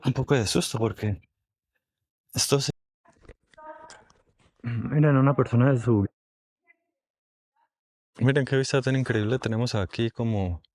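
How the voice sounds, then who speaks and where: Out in a desert national park, a travel vlogger with a hoarse, slightly rough, darkish voice films a casual on-location vlog, chatting and thinking aloud to viewers at a mid pitch. The sound is dry, with no room sound.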